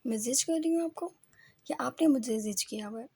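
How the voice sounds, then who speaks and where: Lady doing a crying young wife, bitter and accusing, husky and warm. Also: on the high side, fairly even intonation. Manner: sobbing, accusing.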